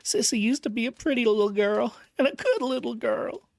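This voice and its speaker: A man voicing a grief-stricken gray-haired old man who speaks vacantly and haltingly in a storybook reading. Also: very high-pitched, big pitch swings, no room sound, voice pushed up, exaggerated voice. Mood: dazed grief.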